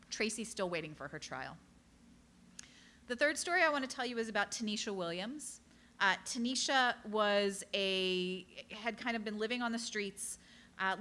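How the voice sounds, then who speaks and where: Bright-voiced woman giving an author talk. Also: mid-range voice. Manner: earnest, direct storytelling with quick apologetic asides. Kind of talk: public talk to a live audience.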